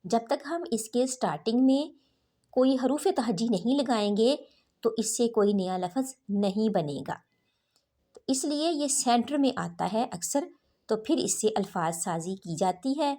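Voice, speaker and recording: A woman's voice: on the high side, expressive, dark tone. Woman teacher sounding out letters. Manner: slow, sounds letters out one by one. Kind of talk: spelling lesson for children.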